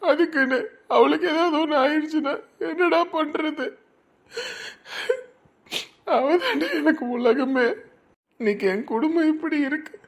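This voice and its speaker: A woman's voice: medium pitch, a little mellow, lightly acted. Woman voicing a distraught young husband, tearful and pleading. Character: distraught young husband searching for his missing wife. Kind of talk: audio drama acting.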